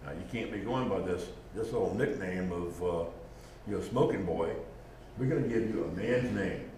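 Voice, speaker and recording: Low-pitched and darkish in tone, a man speaks at a moderate pace in an informal lecture about genealogy and naming. He's conversational and acts out small exchanges; the recording has roomy echo and faint noise.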